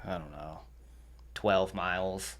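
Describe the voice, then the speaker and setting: A man's voice: low voice, steady tone, slow pace, crowd noise. A young man, a podcast guest, telling laid-back stories with lots of swearing and laughter. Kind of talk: casual storytelling.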